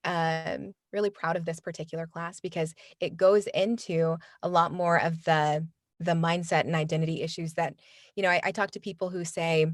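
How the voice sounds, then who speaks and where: Her voice is on the low side, and the studio-quality recording from a studio microphone has no echo. As a voiceover coach in a casual interview, she talks earnestly, full of fillers and sentence restarts.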